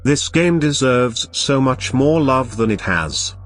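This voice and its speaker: Over soft game music, a young man walks through his retro game review, animated yet slow-paced, his medium-pitched voice casual and cheerful. Excitement alternates with deadpan jokes.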